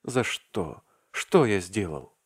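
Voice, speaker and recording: A man's voice: deep voice, sing-song, slow, breathy edge, exaggerated voice. A man reading aloud and voicing a meek young clerk, delirious and heartbroken, who pleads in an anguished, half-whispered voice. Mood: pleading.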